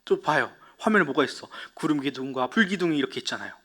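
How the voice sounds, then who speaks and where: A Sunday school preacher addresses children in a fairly high, bright, forceful voice, speaking fast and animatedly. He tells the story like a storyteller, poses questions to the young listeners and answers them himself, and drops to a hushed whisper at dramatic moments.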